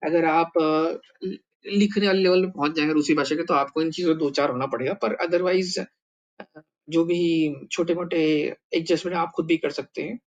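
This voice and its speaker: A man's voice: fairly high pitch, fairly even intonation, normal speed, highs cut off. A man teaching a language lesson in a casual way, thinking aloud with many fillers and repeated words.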